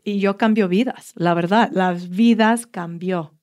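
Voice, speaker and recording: Being interviewed, a woman fitness trainer tells her stories eagerly and with plenty of life, in a casual, chatty way. Her pitch sits at an ordinary middle level for a woman, and she doesn't hurry.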